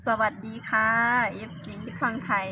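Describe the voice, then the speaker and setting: A Lao single mother with a Phu Thai accent, speaking Thai as a second language in a casual interview, giving short replies and laughing easily. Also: measured pace. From Laos. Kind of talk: casual conversation. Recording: background noise.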